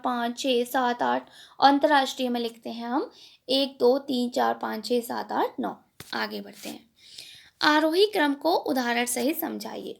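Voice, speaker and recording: A woman's voice: high-pitched, gravelly. A woman teaching a revision lesson, posing each exam question and answering it step by step. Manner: explains step by step, asks and answers own questions.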